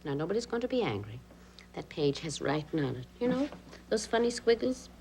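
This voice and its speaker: An actress playing a woman softly and patiently coaxing a small child, in a 1980s daytime soap. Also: on the low side, very animated, a little fast. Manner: gently coaxing, soft.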